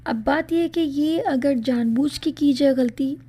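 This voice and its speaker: A woman teaching Quran recitation rules in a podcast lesson, explaining patiently and reciting example words slowly, mixing English words into her talk. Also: high voice, mellow. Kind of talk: spoken tajweed lesson in a podcast.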